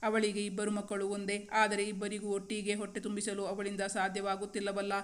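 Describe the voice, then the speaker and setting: A woman's voice: medium pitch, monotone, a little fast. A woman narrating a romance novel as an audiobook storyteller, reading steadily and evenly.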